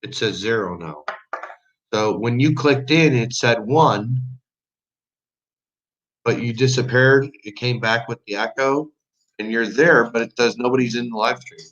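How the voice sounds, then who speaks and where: In lo-fi livestream audio, a male co-host chats in an easygoing, casual way during a test stream. His mid-range voice is fairly bright, and he speaks a little slowly, leaving long pauses.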